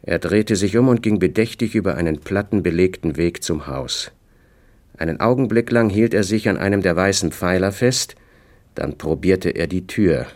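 A man reading a novel aloud in the first person, with measured, dry storytelling. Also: low-pitched, a little mellow. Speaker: audiobook narrator. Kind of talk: scripted first-person narration.

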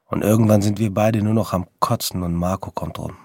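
A young man narrates short episodes in blunt, slang-heavy speech. His voice sits low and husky. The recording is close and dry, with no room sound. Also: fairly even intonation, fairly quick, dry recording. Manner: blunt, street-slang narration with quoted outbursts. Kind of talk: storytelling monologue in vignettes.

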